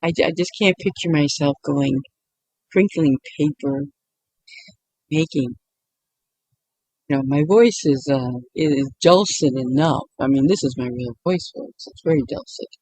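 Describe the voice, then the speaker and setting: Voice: medium pitch, a little slow, a little mellow, breathy edge, no echo, low-quality recording. Giggly rambling late-night talker, dry sound. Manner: rambling, with frequent restarts; keeps breaking into giggles. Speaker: YouTuber. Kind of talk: casual late-night monologue to help sleep.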